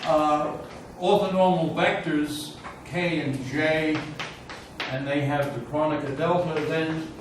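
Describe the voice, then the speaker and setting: A man's informal university lecture, with student questions, is picked up from afar in a strongly echoing room full of noticeable noise. He speaks at a middle pitch with fairly even intonation, haltingly working through ideas aloud and open about his uncertainty.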